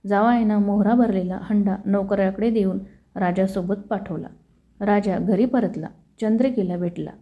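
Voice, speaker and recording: A woman narrating a devotional fasting story in a steady, even way. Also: mid-range voice, muffled recording.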